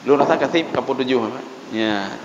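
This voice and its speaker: A man's voice: mid-range voice, moderate pace. A man with an Acehnese accent preaching a sermon, telling stories with acted-out voices and often addressing the listeners as Pak. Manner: animated storytelling, acts out quoted voices, addresses listeners as Pak. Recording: echoey hall, lo-fi with noise.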